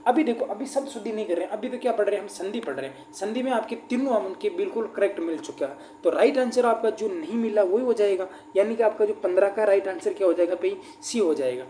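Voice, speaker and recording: A man's voice: sits high, fast talker, hardly any pauses, dark tone. A male teacher leading an exam-prep grammar class, repeating rhetorical questions and calling his listeners friends. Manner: repetitive, keeps asking the class rhetorical questions; addresses listeners as friends and brother. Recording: roomy echo, faint background noise.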